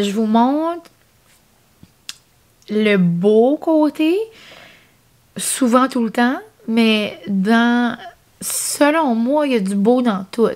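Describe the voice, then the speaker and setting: Young acadian woman vlogging, rambly and chatty, kinda high voice. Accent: Acadian French. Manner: chatty, rambling, many fillers and "genre, comme". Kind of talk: casual vlog chat.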